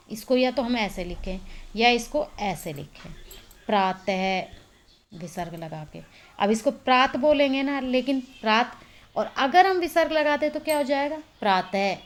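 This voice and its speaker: Recorded on what sounds like a phone, a female teacher with a slightly high voice and lively intonation works through a grammar lesson step by step. She frequently poses a quick question, answers it herself, and says "है ना" often.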